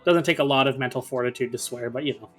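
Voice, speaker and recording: A fast-talking man with a medium-pitched voice chats and jokes casually with friends while playing a video game and commenting on it. He's a co-player and commentator on a game series, with faint music in the background.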